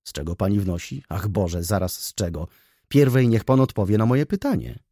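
Figure: sharp-tongued young widow voiced by a man. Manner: teasing, imperious, husky. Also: on the low side, lively intonation, moderate pace, no echo, studio quality. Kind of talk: audiobook character voice.

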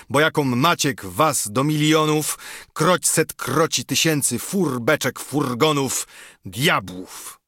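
Man doing a stern old nobleman, slow deliberate scolding, husky, storybook. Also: mid-range voice, a bit bright, no room sound, clean studio sound, heavily acted. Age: older. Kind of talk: audiobook reading of an epic poem.

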